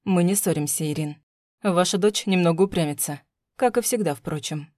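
A woman doing a controlling husband in a storybook reading, his voice pushed low and mellow. He coaxes smoothly, then turns cold and menacing, with a dry close sound. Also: normal speed, no room sound, close to an everyday voice. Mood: coaxing, menacing. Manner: smooth, coaxing, then threatening through teeth. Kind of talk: audiobook narration.

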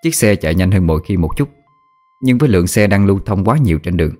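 A man narrating a story in a steady, dramatic storytelling manner. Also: deep voice, quick pace.

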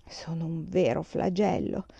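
Woman reading as a playful pioneer dad, warm dry voice, bit dull sound, storybook. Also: low-pitched, measured pace, gravelly, breathy edge, dry recording, full character voice. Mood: practical. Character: cheerful joking pioneer father, grown man.

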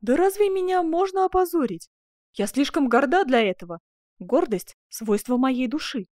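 A woman's voice: medium pitch, normal speed, a little mellow, dry recording, clean studio sound, natural voice. A woman voicing a proud, imperious duchess in an audiobook, speaking with impassioned swings between tender murmurs and proud outbursts. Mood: proud, wounded. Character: proud passionate noble duchess, imperious and vengeful. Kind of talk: audiobook reading.

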